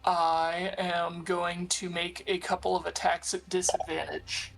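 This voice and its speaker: A tabletop game player thinking through a turn aloud, slow and unsure. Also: medium pitch, flat delivery, gravelly.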